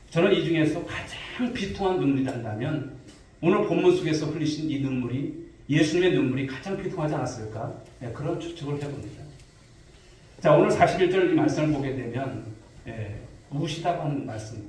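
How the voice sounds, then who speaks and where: A man's voice: fairly high pitch, darkish tone. A man preaching a Sunday sermon as pastor, putting rhetorical questions to the congregation. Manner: asks the congregation rhetorical questions, addressing them directly. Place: church sanctuary. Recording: echoey hall, distant mic, faint noise.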